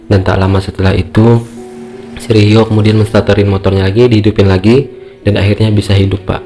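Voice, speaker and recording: A man's voice: fairly low pitch, level tone, fairly quick, mellow. A man telling a horror story informally and conversationally, repeating phrases for emphasis. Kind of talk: informal spoken storytelling, acting out dialogue. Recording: music playing behind the voice.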